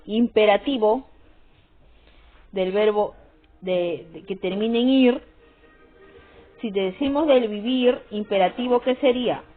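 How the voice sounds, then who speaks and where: Female teacher, slow deliberate delivery, repeats herself, tinny phone-quality recording with faint music. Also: medium pitch. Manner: repetitive, checks with frequent "¿sí?" and "¿no?". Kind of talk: classroom grammar lesson.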